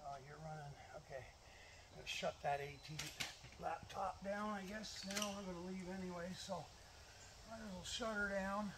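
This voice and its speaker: A man's voice: sits high, moderate pace. Muttering man at a woodland campsite. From Canada. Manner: self-mocking, mutters and swears to himself while working. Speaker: vlogger. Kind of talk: casual solo vlog talk. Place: outdoor campsite in the woods. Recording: noisy outdoor camera audio.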